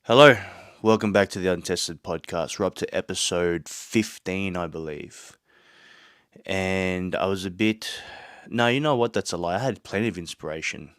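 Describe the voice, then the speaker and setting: A low-pitched man speaks at normal speed, his tone clean and a bit bright, with no room sound. Sick with a sore throat and congested nose, he hosts a casual solo podcast from a small home studio, sounding earnest and motivational and prone to rambling asides.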